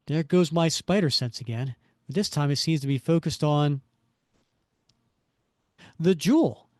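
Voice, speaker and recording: A man's voice: a little high, a little slow, no room sound, clean studio sound, natural voice. A man voicing a confident, wisecracking superhero who talks to himself in a comic-book story. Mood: puzzled, alert. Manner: wisecracking, self-talking.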